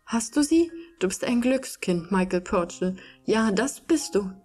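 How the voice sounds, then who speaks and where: A woman voicing an excitable farmer's wife in a storybook reading, gushing in a shrill way. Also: measured pace, breathy edge, soft background music. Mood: delighted.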